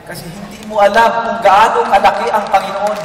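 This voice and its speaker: A man giving an earnest, halting personal testimony to a group. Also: sits high, flat delivery, a little hiss or hum. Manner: earnest, halting, with many restarts. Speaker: testimony speaker. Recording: echoey room, mic far off.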